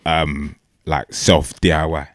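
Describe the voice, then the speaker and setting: A man's voice: rumbling low, level tone, takes it slowly, crowd noise. A man with an urban London accent, chatting casually as a podcast co-host in roadman-style slang. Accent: London, urban slang-heavy.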